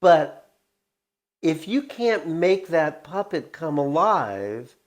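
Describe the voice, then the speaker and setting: A man's voice: a little high, very animated, takes it slowly. A middle-aged man chatting and reminiscing casually as a show's co-host.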